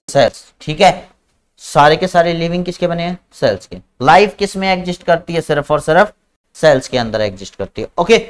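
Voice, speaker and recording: A man with a slightly high voice teaches an online biology class in a blend of Hindi and English, speaking with an Indian English accent. He addresses students as "beta" and draws out important terms while dictating.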